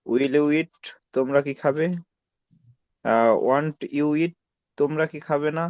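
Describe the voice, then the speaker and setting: A male student reads practice sentences slowly and haltingly, repeating each one. His voice sits a little high. The audio is dull and lo-fi, and the sound is dry. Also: dry recording. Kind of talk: reading practice sentences aloud.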